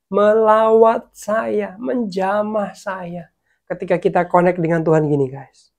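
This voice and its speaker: A man preaching a casual devotional sermon, chatting with listeners as "guys", sometimes dropping to a soft hush and sometimes urging them louder. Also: high voice, creaky. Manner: chatty, addresses listeners as "guys", mixes in English words; swings between soft, hushed passages and louder urging.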